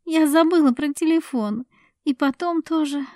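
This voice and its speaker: A woman voicing an anxious young woman who talks fast and nervously, in a raised voice. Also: high voice, a little mellow, dry recording, studio quality, pitched above the performer's own voice, lightly acted.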